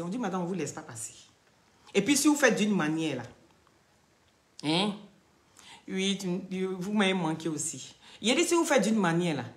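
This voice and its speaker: On a relaxed live stream, a young woman with a mid-range voice tells a story, performing both parts of the conversation and often checking in with her audience. The room sounds echoey.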